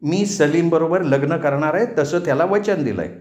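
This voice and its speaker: A woman's voice: deep voice, moderate pace, a little mellow, pitched above the performer's own voice, close to an everyday voice. A male narrator voicing a headstrong young woman who defies her father, speaking in a raised, pleading tone, in a roomy recording. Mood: defiant. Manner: defiant, pleading. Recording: roomy echo.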